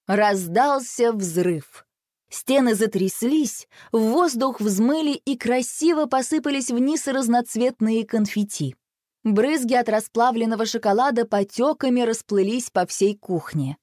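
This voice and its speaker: A woman reading a children's storybook aloud in an expressive, animated way. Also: on the high side, unhurried, no echo, clean studio sound.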